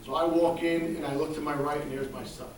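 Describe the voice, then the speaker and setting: Middle-aged coach giving a heartfelt banquet speech. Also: male voice, fairly high pitch, fairly even intonation, quick pace, heavy background noise. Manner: heartfelt, storytelling with casual asides. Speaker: high school football coach. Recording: echoey hall, distant mic, loud crowd. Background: audience laughing and cheering.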